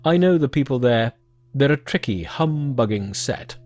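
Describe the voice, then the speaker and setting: A storyteller voicing a stern old patriarch teacher who questions a new pupil, gruff and measured. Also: medium pitch, lively intonation, a little mellow, lightly acted.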